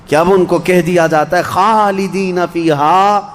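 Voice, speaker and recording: A man preaching an emotional religious sermon, swinging between loud cries and hushed lines and chanting scripture verses slowly. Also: fairly high pitch, flat delivery, a little hiss or hum. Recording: long echoing hall reverb.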